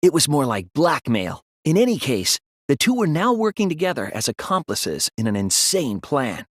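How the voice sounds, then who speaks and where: A young male detective in a dramatic anime video game, an earnest teenage boy, hesitant but determined, explains things in a grave mood. His slightly breathy voice, recorded close and dry, has lively, wide-ranging pitch at a moderate pace. He sounds earnest and unsure at times, then argues with real force.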